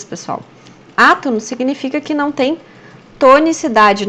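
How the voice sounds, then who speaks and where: A woman teacher, explaining grammar over slides and checking in often with the class. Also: fairly high pitch. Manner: patient, checks in often with "né?" and "certo?".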